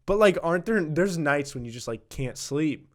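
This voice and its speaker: A man's voice: on the high side, lively intonation, moderate pace. A young man hosting a podcast in casual banter, rambling in slang and leaning on "like" and "dude". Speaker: podcast host.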